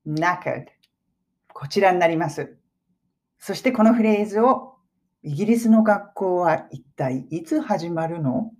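A woman in her forties, an English-teaching YouTuber, giving a chatty spoken lesson and sometimes dropping into soft asides. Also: lowish voice.

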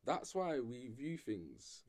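A man's voice: mid-range voice, wildly swooping pitch, slow pace. A young man with a London roadman accent, chatting in a slangy, emphatic way and repeating himself in a casual group discussion.

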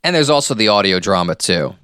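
A man with a deep, clear voice chats as a podcast co-host. His commentary is thoughtful and informal, captured in a clean room without echo. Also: sing-song, fast, sharp tone, studio quality. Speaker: podcast host discussing an animated series. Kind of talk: casual analytical chat.

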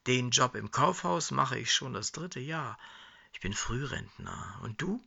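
A man voicing a chatty, jolly early-retired department-store Santa, talking loud and chummy. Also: mid-range voice, lively intonation, unhurried, gravelly, husky, highs cut off, pitched above the performer's own voice, full character voice.

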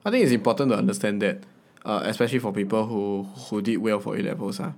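Young man, Singaporean accent, slightly low voice, casual Singlish advice, tags like ah and okay. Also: quick pace, a little mellow. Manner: colloquial Singlish, ends phrases with ah, right, okay.

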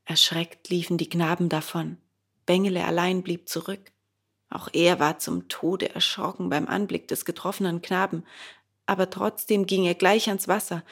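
A woman narrating a children's storybook in a steady, plain reading voice. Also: on the low side, moderate pace, breathy edge.

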